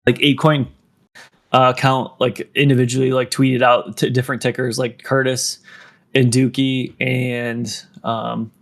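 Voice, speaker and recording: A man's voice: mid-range voice, level tone, measured pace. A man talking in a casual podcast, rambling and filling his speech with "like" and "um", somewhat out of breath. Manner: rambling, heavy use of "like" and "um". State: running out of breath.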